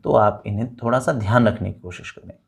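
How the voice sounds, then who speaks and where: A man's voice: fairly low pitch, vocal fry. A man teaching a Sanskrit lesson, reading out words for students to repeat and explaining each one in Hindi and English. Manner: slow, drawn-out word-by-word pronunciation with call-and-repeat drills. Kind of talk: online language lesson.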